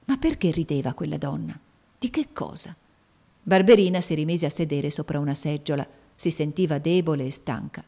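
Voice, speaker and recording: Sex: woman. Role: audiobook narrator. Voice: rather low. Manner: measured, steady. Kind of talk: audiobook reading.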